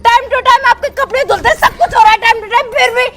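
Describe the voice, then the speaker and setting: A woman's voice: very high voice, quick pace, a loud crowd, very noisy. A woman playing an exasperated young daughter-in-law in a comic family skit. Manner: exasperated, scolding. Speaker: actor in comedy skit.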